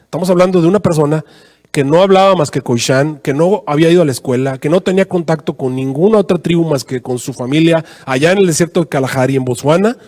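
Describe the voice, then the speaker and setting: Pastor predicando con eco de iglesia. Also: male voice. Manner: animated, rising to high pitch in quoted prayers, many fillers "este". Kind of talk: sermon storytelling. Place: church. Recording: long reverb in a church hall.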